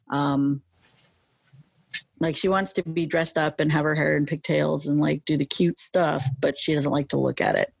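A woman's voice: low-pitched, vocal fry, darkish tone, husky, no room sound, lo-fi sound. A young woman with a lateral lisp, chatting casually in an interview, rambling with many fillers. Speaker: interview guest.

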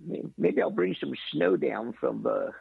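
An older man calling into a radio show, chuckling and teasing in a halting, folksy way over the phone. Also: fairly high pitch, wildly swooping pitch, creaky, breathy edge, no echo. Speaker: caller. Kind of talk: phone-in chat. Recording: tinny phone line.

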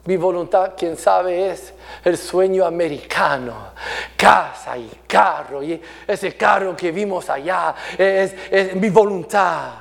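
A man preaching a sermon, earnest and repeating words as he restarts, his delivery moving between raised and hushed passages. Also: high-pitched, slow, vocal fry.

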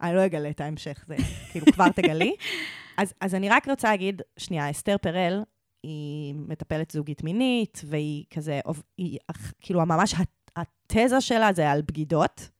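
A woman's voice: low-pitched, expressive, dry recording. Israeli woman podcaster, close dry sound. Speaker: podcast co-host. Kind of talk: casual conversational podcast chat.

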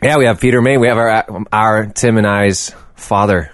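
A man's voice: on the low side, fairly even intonation, normal speed, no room sound, studio quality. A man hosting a casual podcast, chatting in a joking, teasing, sweary way. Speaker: podcast host.

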